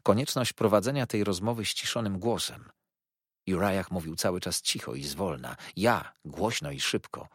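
A man narrating a literary audiobook in a dramatic, expressive reading. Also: low-pitched, normal speed, slightly rough, no room sound, studio quality.

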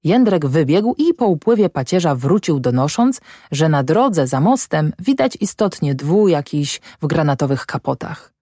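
A woman reads a classic novel aloud for an audiobook, in a steady, measured storytelling voice. Her voice sits low, and the recording is close and dry, with no room echo. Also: breathy edge. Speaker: audiobook narrator.

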